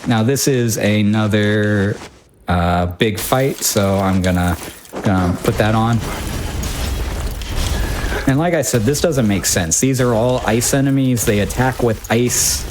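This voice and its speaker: A man's voice: lowish voice, slow, noisy background. A man giving casual, wry live commentary on his own speedrun, often breaking off his sentences as he thinks aloud. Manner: informal, wry, self-interrupting thinking aloud.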